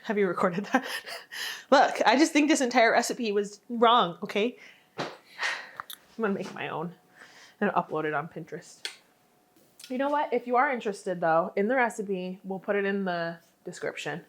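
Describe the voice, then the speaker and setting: This young lifestyle vlogger bakes and talks in her home kitchen, chatty and quick to poke fun at herself. Her medium-pitched voice is expressive, at normal speed with long pauses, and there's a little hiss or hum.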